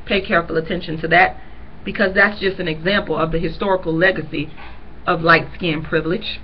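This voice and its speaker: Reading a novel aloud chapter by chapter, a woman speaks in a lowish voice with fairly even intonation. The recording is muffled, with slight background noise. She earnestly pauses from time to time to highlight key lines and comment for her listeners.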